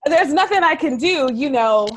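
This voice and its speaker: A woman on a casual discussion panel, speaking in a measured way with hedges and fillers as she reasons aloud. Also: high-pitched, animated, a bit bright, low-quality recording. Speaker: panel guest.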